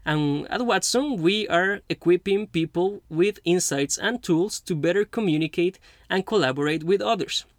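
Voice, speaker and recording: A man in his twenties who grew up in Costa Rica, hosting a podcast interview in an earnest, halting way with many restarts. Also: high voice, no room sound, clean studio sound. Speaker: podcast host. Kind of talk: casual interview chat.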